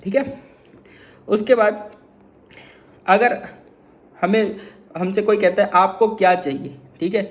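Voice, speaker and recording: A man from Lucknow with a noticeably high-pitched voice leads a casual beginner lesson. He drills each phrase slowly, repeats it, and keeps checking in with a quick "okay?". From Lucknow, northern India. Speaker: language learner teaching beginners. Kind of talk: casual vlog-style language lesson.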